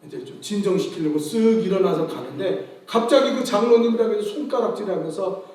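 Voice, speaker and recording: High-voiced pastor preaching in an echoing hall. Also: male voice, fairly quick, distant mic. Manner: animated storytelling, rising to shouts, acting out voices. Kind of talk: sermon. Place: large church sanctuary. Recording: very echoey hall, voice from afar.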